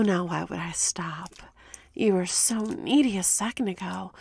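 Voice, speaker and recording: In an audio roleplay, a woman plays a predatory, inhuman seductress, using slow teasing whispers interrupted by mocking laughter. Her voice is lowish, creaky and exaggerated.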